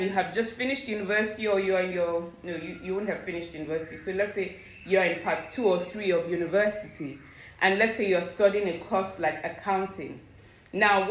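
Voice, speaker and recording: A woman talks straight to her audience about mindset and keeps asking whether they understand. Her voice sits at a middle pitch, neither high nor low. The recording carries a noticeable roomy echo. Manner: earnest, coaching, asks "do you understand?". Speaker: vlogger. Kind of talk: motivational talk to viewers.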